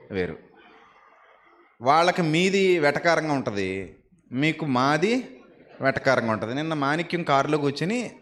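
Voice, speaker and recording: A man's voice: a little high, a bit bright. A male pastor from the Godavari region of Andhra Pradesh, preaching a sermon and pressing the congregation with repeated rhetorical questions.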